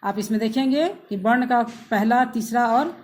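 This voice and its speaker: A woman schoolteacher leads her pupils through a grammar lesson, addressing them as children and spelling words out slowly, letter by letter. Her voice is on the high side with a darkish tone.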